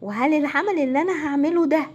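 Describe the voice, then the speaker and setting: A woman family counselor with an Egyptian Arabic accent, giving a casual, animated talk to viewers. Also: high voice, fast talker, highs cut off. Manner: animated, conversational, acts out quoted voices.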